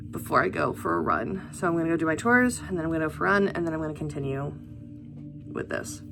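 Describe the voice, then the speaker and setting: A young woman talks to camera in a relaxed vlog, thinking out loud. Her voice sits a little low and is chatty and reflective. A faint hum of background noise runs under the recording. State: hiccups. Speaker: vlogger. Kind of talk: casual vlog talk to camera.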